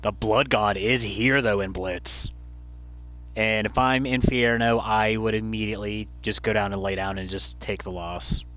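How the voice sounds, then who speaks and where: A man's voice: fairly low pitch, fairly even intonation, measured pace, a bit bright. A man working as a wrestling commentator, calling play-by-play in clipped, punchy phrases. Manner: clipped, punchy move-by-move calls.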